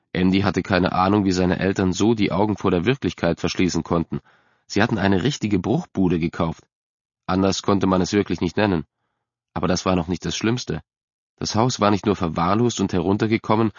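A man reading a story aloud in a steady, measured way as an audiobook narrator. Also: sits low, dry recording. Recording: dry, slightly dull recording.

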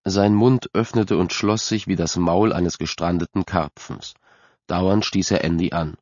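A man reading a story aloud in a steady, measured way as an audiobook narrator. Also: low voice, no room sound. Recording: dry, slightly dull recording.

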